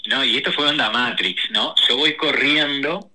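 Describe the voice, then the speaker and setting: A man, a guest telling personal stories in a lively, slangy way with many restarts. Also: mid-range voice, noisy background. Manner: animated, rushes through stories with slang and restarts. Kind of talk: casual personal storytelling.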